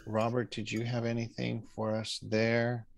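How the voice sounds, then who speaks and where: A man chairing a board meeting, calling up committee reports in a brisk, polite way. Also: medium pitch, completely flat delivery, creaky.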